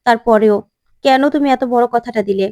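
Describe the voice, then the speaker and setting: A woman's voice: on the high side, a little fast, darkish tone, dry recording, lightly acted. A woman voicing an angry, anguished young husband in a retold drama story, talking in a plain pleading or rejecting way. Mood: hurt. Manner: pleading, then sharply rejecting.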